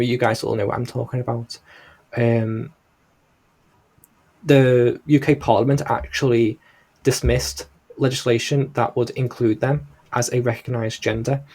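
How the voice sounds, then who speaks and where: A man's voice: medium pitch, darkish tone, rough recording. A man with a Liverpool Scouse accent giving casual, rambling, disapproving commentary in a hesitant way. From Liverpool, England. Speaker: reaction video host.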